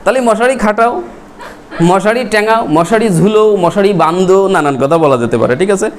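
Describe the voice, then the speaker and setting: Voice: medium pitch, a little fast. A teacher from Bangladesh, giving a classroom vocabulary lesson, spelling words out letter by letter and quizzing students.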